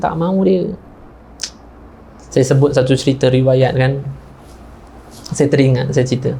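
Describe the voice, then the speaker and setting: Animated Malaysian man preaching. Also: a little hiss or hum. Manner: animated storyteller, acting out characters with raised pitch. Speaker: ustaz preacher. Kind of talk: sermon storytelling.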